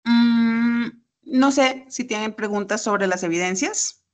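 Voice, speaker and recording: A woman's voice: fairly high pitch, takes it slowly. A woman, teaching English pronunciation in an online class, patiently explaining step by step with examples over a video call. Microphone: computer mic on a video call.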